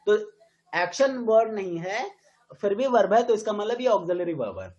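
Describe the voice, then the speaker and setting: A woman's voice: medium pitch, very animated, darkish tone, muffled recording. Woman with an Indian accent teaching English grammar. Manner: mixes Hindi and English, slows right down to model stressed words; quizzes the students with frequent questions. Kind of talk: classroom grammar lesson.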